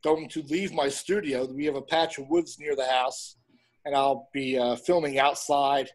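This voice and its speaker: A middle-aged man chatting casually as an interview guest, rambling a little and pausing as he goes. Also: mid-range voice, steady tone. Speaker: interview guest, horror host and film reviewer.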